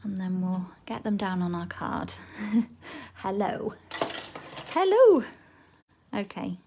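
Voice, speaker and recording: Casting: chatty woman, slight throat frog, relaxed live craft demo host. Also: mid-range voice, slow pace, a little hiss or hum, low-quality recording. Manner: chatty, relaxed, talks while working. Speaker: papercraft demonstrator.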